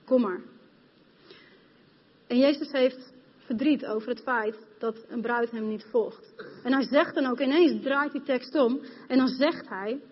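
A woman's voice: high voice, a little slow. A woman preaching a passionate sermon to a congregation in a church hall, speaking to them directly. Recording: dull, reverberant hall sound.

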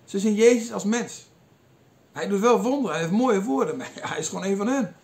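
A man's voice: sits high, brisk, vocal fry. A man giving a sermon, retelling a Bible passage in a storytelling way with some hesitations. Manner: storytelling, quoting figures in lively asides, some hesitations. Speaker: preacher.

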